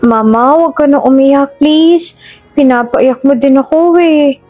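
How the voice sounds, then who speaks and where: A woman's voice: measured pace, dark tone, soft background music. A woman voicing a grieving seven-year-old girl who pleads through tears. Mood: tearful. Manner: pleading, tearful, shrill cries. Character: little girl, seven, grieving her dying mother.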